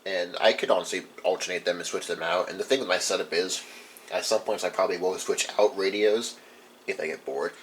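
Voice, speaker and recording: Showing off his radio collection without a script, a man rambles casually and keeps correcting himself. He speaks a little fast in a low, steady voice. The recording is rough, and there's faint noise in the background.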